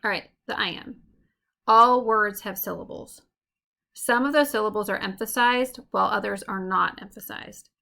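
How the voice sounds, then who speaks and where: A woman teacher delivers a recorded lesson with clear explanations, slowing down to tap out rhythms. Her voice is medium-pitched with a sharp tone.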